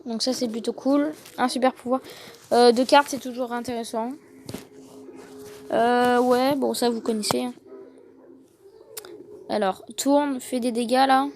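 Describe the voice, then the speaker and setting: A woman giving casual gameplay commentary, excitable and fretful, thinking aloud to her viewers. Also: a little high, a little slow, pauses often. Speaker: gaming video host. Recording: noticeable background noise.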